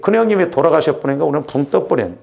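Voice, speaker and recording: Man, middle-aged, pastor, sermon, church sanctuary, conversational, slightly high voice, gravelly. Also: animated, rapid-fire, a little mellow, lo-fi sound. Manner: conversational, keeps asking the congregation "응?". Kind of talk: sermon at a Wednesday prayer service.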